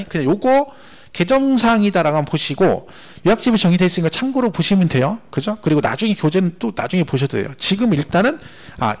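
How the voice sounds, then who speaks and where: A man lecturing a class on tax law for an exam, animated and repetitive, asking the students rhetorical questions. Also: on the high side.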